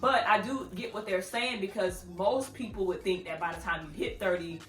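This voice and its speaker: Speaking at a moderate pace in a mid-range voice, a vlogger in her thirties offers casual advice straight to camera on her own channel. She's chatty and playful, laughs a lot, and the echoey room carries faint background music.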